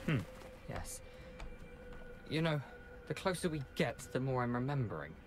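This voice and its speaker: A man's voice: mid-range voice, very animated, moderate pace, music in the background. Wry young male ghost. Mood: uneasy, musing. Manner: wry, theatrical. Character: ghost of young man, wry, reluctant former schoolboy. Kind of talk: video game voice acting.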